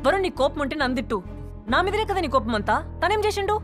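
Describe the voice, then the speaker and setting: An actress playing a sharp-tongued young village woman with a Telangana accent, speaking in blunt, defiant retorts in a film drama. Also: sits high, big pitch swings, fast, faint music behind. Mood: angry. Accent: Telangana Telugu. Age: young adult.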